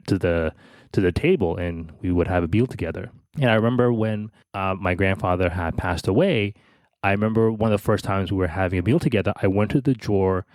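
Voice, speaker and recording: Male podcast co-host, low pitch, thoughtful and halting, dry studio sound. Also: no echo. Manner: halting, many restarts, soft laughs. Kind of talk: reflective personal storytelling.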